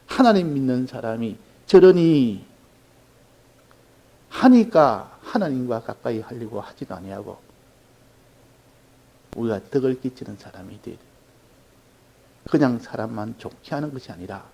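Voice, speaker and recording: A man preaching a sermon, telling a story in an earnest way, with sudden loud emphasis. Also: medium pitch, creaky, poor audio. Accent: Korean. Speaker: pastor.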